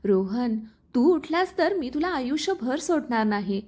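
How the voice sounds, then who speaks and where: A woman's voice: sits high, sing-song, a little slow, darkish tone, exaggerated voice. A woman voicing a heartbroken young woman who pleads through tears in a storybook tale. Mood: tearful. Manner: pleading, tearful.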